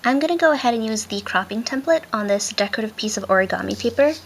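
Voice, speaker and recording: A woman's voice: a little high, animated, quick pace. A woman hosting a casual hands-on craft tutorial, talking step by step while she works, her voice muffled by a face mask. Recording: clear background noise, handling clicks.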